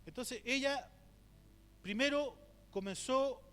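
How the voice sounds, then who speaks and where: A man's voice: very high-pitched, slow pace, fairly bright tone, clean tone. A middle-aged man with a Chilean accent, a pastor teaching at a church conference, telling stories and asking rhetorical questions. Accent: Chilean Spanish. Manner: storytelling with rhetorical questions, acts out quoted voices. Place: church hall. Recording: reverberant hall with faint hum.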